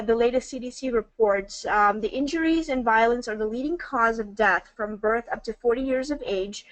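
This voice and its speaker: A woman's voice: on the high side, dry recording, low-quality recording. A woman co-hosting a webinar, presenting a topic over a call with many ums and uhs. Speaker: webinar co-facilitator.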